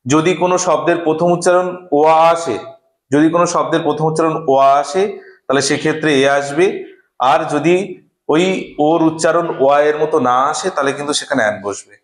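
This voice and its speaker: A man's voice: on the high side, fairly even intonation, a little fast, roomy sound. A man teaching an English grammar lesson to a class, patiently asking students questions and then explaining the rule.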